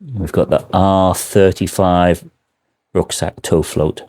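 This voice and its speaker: A man's voice: deep voice, fairly even intonation, slow, mellow. A man giving an informal product explanation as a presenter, speaking indoors in a shop.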